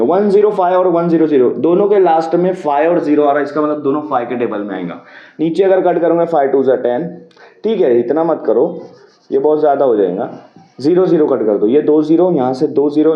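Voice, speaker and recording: A male maths teacher talks through a worked problem in a slightly raised voice, patiently repeating each step. He asks questions and answers them himself. The sound is roomy and dull, like a lo-fi classroom video. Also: fairly high pitch.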